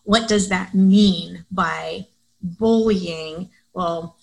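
A woman co-hosting a podcast, explaining points in a measured way in casual discussion. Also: lowish voice, fairly even intonation, creaky, a little mellow, low-quality recording. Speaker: podcast co-host.

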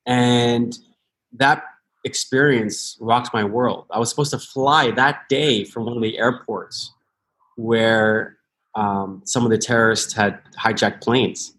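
An American man in his thirties, a guest on a podcast, talks earnestly and thoughtfully in a reflective interview, often restarting his sentences. His medium-pitched voice is steady and fairly bright, and he speaks slowly.

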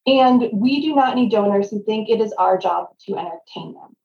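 A woman's voice: mid-range voice, expressive, moderate pace, a little hiss or hum. A woman speaking as a consultant guest in a conversational podcast interview, on a roomy, slightly dull recording.

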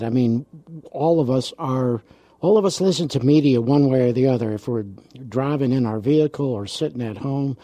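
A man hosting a radio talk show, speaking in a relaxed way with frequent ums and uhs. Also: medium pitch, dry recording.

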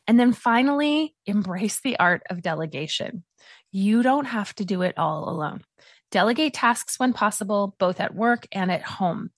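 A woman's voice: mid-range voice, no room sound. Female motivational coach, mid-range voice, upbeat and tidy advice-vlog delivery, emphatic phrasing, dry studio-like sound. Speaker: coach giving goal-setting advice.

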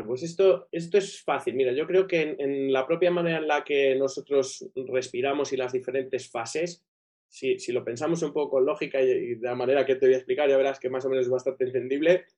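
A man's voice: medium pitch, fairly even intonation, a little fast, darkish tone. A man with a broken, operated nose and a nasal dilator, explaining things enthusiastically as an interview guest, often checking in with tag questions. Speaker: guest breathing coach.

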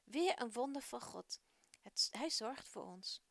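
A woman voicing a gentle father in a storybook reading, soft and reassuring. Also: a little high, expressive, a little slow, creaky, no echo. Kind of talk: storybook narration.

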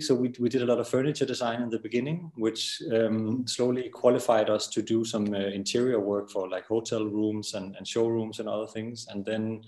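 Hesitant Danish man, low and flat. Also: roomy sound. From Denmark. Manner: hesitant, many fillers and repeated words. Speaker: architect, guest. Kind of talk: interview conversation.

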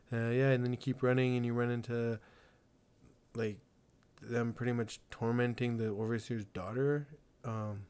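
A man's voice: lowish voice, darkish tone. Laid-back rambling young man. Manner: rambling, laughs often, swears casually. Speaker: gaming podcast host. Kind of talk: casual chat.

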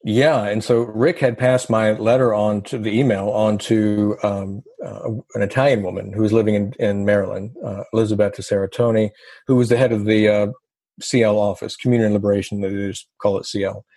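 A man's voice: fairly low pitch, steady tone, a little fast, dark tone, no room sound. A man from the South, a guest telling his story in an interview with a wry, self-deprecating humor. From American South.

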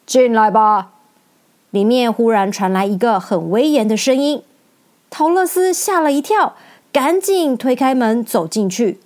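A woman storyteller reading a children's story aloud in an expressive, lively way. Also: a little high, normal speed.

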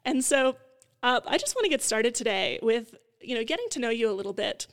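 A woman's voice: a little high, very animated, fairly quick. A woman hosting an interview podcast, talking in a chatty conversational way with frequent fillers. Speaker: podcast host.

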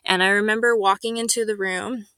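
A young woman raised in Guatemala and Mexico, earnestly sharing a personal faith story as a podcast guest, with many ums and soft laughs. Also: mid-range voice, fairly even intonation, brisk, no echo. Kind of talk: personal testimony in a podcast interview.

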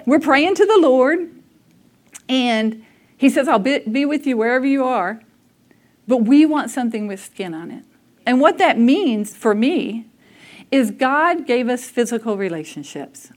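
Brief: woman, conversational sermon, candid storytelling, voice a touch high. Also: lively intonation, measured pace, darkish tone. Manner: conversational, candid, laughs at herself. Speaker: speaker at a church service. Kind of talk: sermon with personal stories.

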